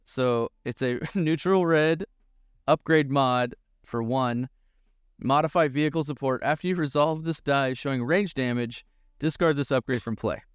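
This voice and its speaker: A man's voice: medium pitch, unhurried, clean tone, no echo, studio quality. A man co-hosting a casual chat, reading out a fan card and joking about it. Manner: reads card text, then jokes about it. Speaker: podcast co-host.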